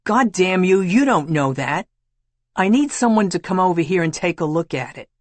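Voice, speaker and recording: A woman voicing a shrill, paranoid caller with a Queens accent who insists and scolds. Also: expressive, moderate pace, no echo. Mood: indignant. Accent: New York, Queens.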